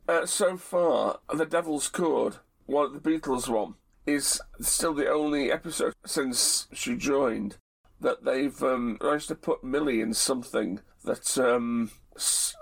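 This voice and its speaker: A man's voice: medium pitch, creaky, breathy edge. A man co-hosting a casual review chat, wry and sarcastic. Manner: wry, sarcastic, quotes in mocking voices. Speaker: podcast co-host.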